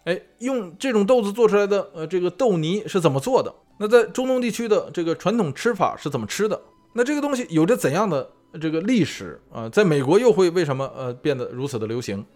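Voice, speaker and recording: A man's voice: high voice, animated, quick pace, darkish tone. A man hosting a food show, explaining in a chatty way with many fillers and asides. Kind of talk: casual explainer monologue. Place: lives in California.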